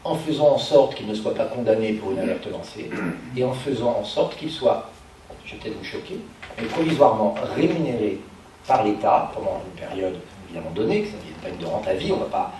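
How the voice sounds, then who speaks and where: A man's voice: fairly low pitch, sing-song, fairly quick, mellow. A man giving structured, explanatory answers as a political speaker at a public meeting. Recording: very echoey room, distant, faint noise.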